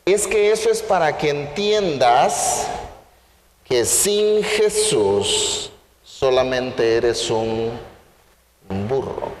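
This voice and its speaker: A man's voice: mid-range voice, big pitch swings, extremely slow, slight background noise, voice pushed down. A man voicing a stern, wise female mother donkey in a told story, recorded in an echoey church hall.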